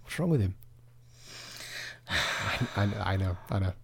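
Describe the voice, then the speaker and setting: A man's voice: deep voice, expressive, a little slow, vocal fry, a bit bright, slightly rough, no room sound. A man co-hosting a podcast, rambling and chatty, often restarting his sentences. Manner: rambling, chatty, self-interrupting. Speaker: podcast co-host. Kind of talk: casual chat.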